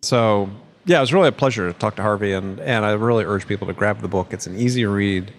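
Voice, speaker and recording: A male podcast host in casual talk, rambling with many restarts and chuckles, going hoarse after a long day. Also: fairly low pitch, fast talker, slight background noise. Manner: rambling, self-interrupting, chuckles often. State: losing his voice. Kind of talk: casual conversational chat.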